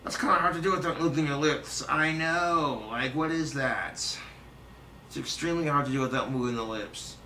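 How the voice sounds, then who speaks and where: A man's voice: on the high side, moderate pace, pushed and bright, slight background noise. A young man bantering playfully and teasing while trading impressions. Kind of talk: joking banter, doing impressions. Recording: roomy, distant amateur recording.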